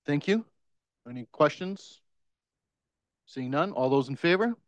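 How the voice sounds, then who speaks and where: A man with a slightly high voice chairs a council meeting in a brisk, polite, procedural way. He speaks into a desk microphone, and the sound is dry and close with little room echo. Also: animated, dull audio. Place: council chamber.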